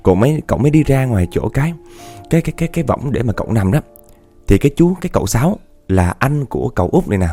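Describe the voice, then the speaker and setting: Warm low storyteller man. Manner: animated, repeats words for effect, addresses listeners directly. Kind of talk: spoken ghost story narration.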